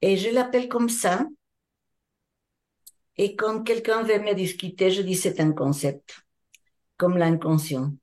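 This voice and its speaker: Older Mexican woman, French as a second language, slow and mellow, a hypnotherapist being interviewed. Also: medium pitch, fairly even intonation. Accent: Mexican Spanish. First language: Spanish. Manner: thoughtful, searching for words in French. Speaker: hypnotherapist and trainer. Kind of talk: interview answers.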